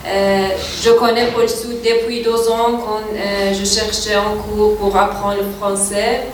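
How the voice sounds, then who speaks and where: A woman reads a prepared self-introduction slowly and carefully, in a flat, even tone. She sounds distant, in a very echoey room, with faint background noise. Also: medium pitch. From Iran. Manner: slow, careful, even delivery.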